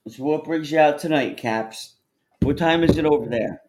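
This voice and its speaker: A man hosts a call-in show and teases his callers with quick comebacks. His voice sits slightly high. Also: echoey room, background noise. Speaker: host. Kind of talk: casual podcast banter.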